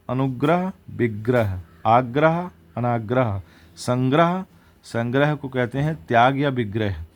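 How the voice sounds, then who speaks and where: A man teaching exam vocabulary, reciting words and their opposites one after another and correcting himself as he goes. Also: mid-range voice.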